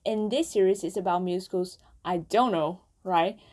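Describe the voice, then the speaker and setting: A young woman doing casual reaction commentary for her channel, playful and self-mocking, with quick asides. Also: on the low side, a little mellow. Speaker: musical reaction vlogger.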